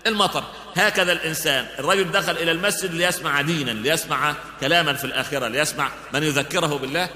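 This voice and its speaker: A man preaching a religious lesson, telling stories with many fillers and restarts. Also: mid-range voice. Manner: lively storyteller with frequent fillers and restarts. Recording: echoey hall with long reverb.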